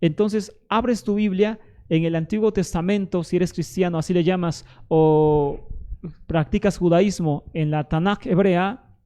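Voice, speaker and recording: In this direct-to-camera Bible history lesson, the presenter's voice is high, steady and mellow, and he takes his time, yet he stays emphatic as he counters objections he pictures the viewer making.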